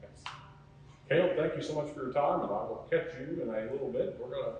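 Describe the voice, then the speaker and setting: A man presenting an unscripted campus tour and interviewing as he goes, with a halting delivery that repeats words. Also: mid-range voice, a little mellow, muffled recording. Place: echoey indoor campus building. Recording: very echoey, distant mic, noisy ambience.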